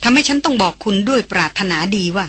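A woman reading an audiobook, voicing a calm, worldly foreign woman who teases a younger man like an older sister. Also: a little high, fast talker, slightly rough, pitched above the performer's own voice. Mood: earnest. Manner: gently mocking, older-sister tone.

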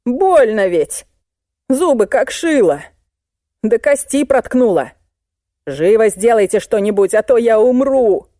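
A woman's voice: medium pitch, very animated, moderate pace, darkish tone, no room sound, studio quality, close to an everyday voice. A woman voicing a short-tempered, complaining male traffic cop in an audiobook. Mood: whining. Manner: indignant, complaining.

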